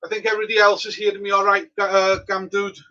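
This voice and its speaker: Quick-paced and high-voiced, a man with a Welsh accent talks casually with viewers as he livestreams brewing at his home brewery. He's from Wales and speaks Welsh natively, answering questions in a relaxed, chatty manner. The recording sounds muffled.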